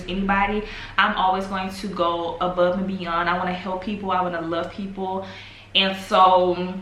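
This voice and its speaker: Woman, 20s, casual vlogger. Low-ish bright voice, unhurried and musing, roomy echo with faint background hum. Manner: slow, musing, trails off with fillers. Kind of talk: casual reflective vlog talk. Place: home, in the evening. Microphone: camera. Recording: echoey room with faint ambience.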